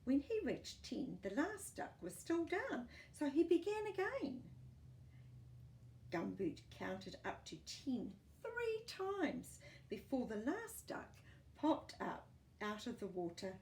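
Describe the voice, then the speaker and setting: Reading a picture book to young children, a woman speaks slowly in a high-pitched voice, animated and encouraging, with chatty asides to the listener. The sound is roomy.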